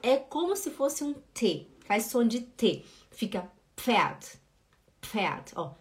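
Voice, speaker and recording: Brief: woman, German tutor on a live stream, chatty and encouraging, a fairly high voice. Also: sing-song, a little mellow. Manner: chatty, greets viewers by name, drills pronunciation slowly. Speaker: German teacher. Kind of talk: casual live-stream lesson. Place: home room with lights.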